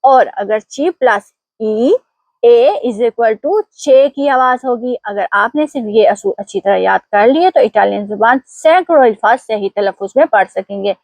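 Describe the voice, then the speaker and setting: A woman teacher giving an online language lesson, explaining pronunciation rules slowly and quizzing her viewers. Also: on the high side, dry recording. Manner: slow, deliberate explanations with quiz prompts.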